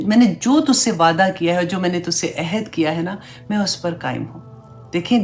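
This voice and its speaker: A woman teaching an Islamic class, slowly reciting Arabic prayer phrases and then explaining each one in an earnest, conversational way with English fillers mixed in. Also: lowish voice. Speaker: religious teacher.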